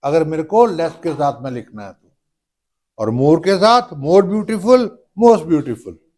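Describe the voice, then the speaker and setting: A man teaching a grammar lesson, dictating rules slowly and stretching out each word. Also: a little high, expressive, a little mellow. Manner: slow, drawn-out word-by-word dictation, addresses students as beta.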